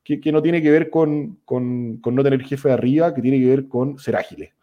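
A young Chilean man with a Chilean accent, a startup co-founder talking casually as a guest, halting and restarting his sentences often. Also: medium pitch, highs cut off. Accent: Chilean Spanish. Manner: relaxed, halting, many restarts and fillers. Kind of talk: casual conversational interview.

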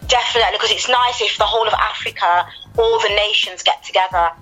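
Bright, upbeat woman radio host. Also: mid-range voice, quick pace, soft background music, low-quality recording. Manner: enthusiastic, encouraging interjections. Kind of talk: radio interview.

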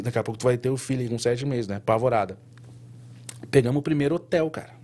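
A man, a tattoo artist guest, telling a story in an interview in an animated, slangy way, with lots of fillers and restarts. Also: on the high side.

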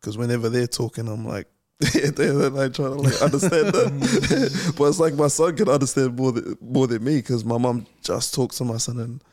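A man's voice: medium pitch, moderate pace, hardly any pauses, a little mellow, no echo. Easygoing young Kiwi man, dry close mic. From England. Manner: easygoing, laughs often, mild swearing substitutes. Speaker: guest boxer. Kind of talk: casual podcast chat.

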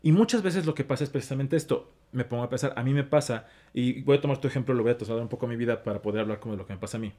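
A man with a Mexican accent, explaining emotions in casual conversation, animated and acting out his own inner voice. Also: medium pitch, racing, few pauses. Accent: Mexican Spanish. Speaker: guest speaking on emotions and relationships.

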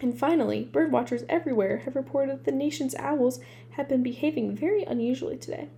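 Woman voicing a formal, wry male newsreader, gravelly and mellow. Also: high voice, quick pace, a little hiss or hum. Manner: formal broadcast delivery. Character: wry male television newscaster.

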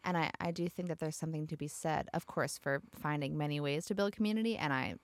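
A woman hosts a podcast interview in easy, conversational speech. Her voice sits on the low side for a woman and is heard dry and close to the mic. She tosses in playful asides and thinks aloud. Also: fast talker, dry recording. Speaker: podcast host. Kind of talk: casual interview chat.

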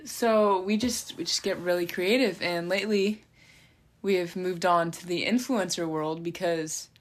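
A woman's voice: lowish voice, steady tone, measured pace. Giggly young woman co-hosting a chat. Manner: giggly, rambling, jokey. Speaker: co-host. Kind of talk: casual comedic chat.

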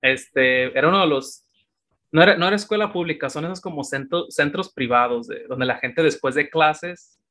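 A man in his thirties with a Mexican accent, a guest telling his story in a relaxed, chatty way with plenty of fillers. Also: fairly high pitch, moderate pace. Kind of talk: casual interview chat.

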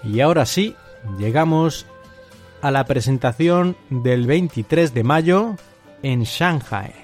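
A man from Spain with a Castilian Spanish accent hosts a solo podcast from home, telling stories conversationally. His mid-range, darkish voice is expressive and slow, with faint music in the background.

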